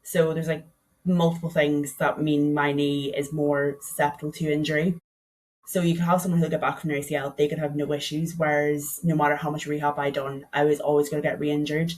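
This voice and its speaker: A young Irish woman with a Donegal accent, appearing as a podcast guest, tells her story chattily and keeps saying "like". Her voice sits low and a little mellow, with a flat, brisk delivery. The audio quality is poor.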